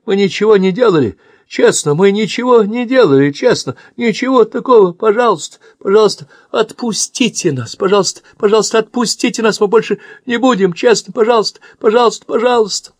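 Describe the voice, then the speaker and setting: A man's voice: sits high, a little fast, few pauses, no room sound, pitched above the performer's own voice. A man reading a novel aloud, voicing a terrified young boy who begs and wails in frantic panic. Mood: pleading. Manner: wailing, frantic begging.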